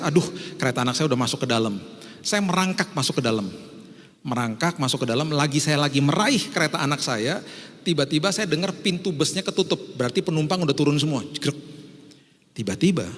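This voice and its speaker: A middle-aged man from Indonesia, a pastor telling a personal story in a sermon, lively and anecdotal, acting out what people said. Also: a little high. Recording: long hall reverb.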